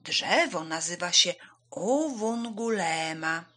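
A woman voicing a wise, patient old village woman who speaks slowly and deliberately. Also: lowish voice, expressive, pushed and bright, exaggerated voice. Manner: slow and deliberate.

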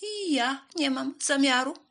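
A woman voicing a pushy little grey mouse in a children's storybook, with a high squeaky voice and loud insistent lines. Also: big pitch swings, measured pace, breathy edge, full character voice. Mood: stubborn.

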